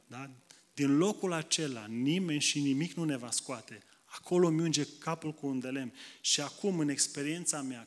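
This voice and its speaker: A man preaching a sermon, from Moldova, talking conversationally and often checking in with the congregation, alternating loud emphatic bursts with quiet asides. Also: on the high side. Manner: conversational preaching, frequent tag questions to the congregation.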